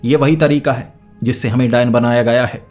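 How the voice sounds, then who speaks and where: A man's voice: mid-range voice, fairly even intonation, fairly quick, a little mellow, soft background music, lightly acted. A man voicing a stern, proud old female witch leader who scolds and commands.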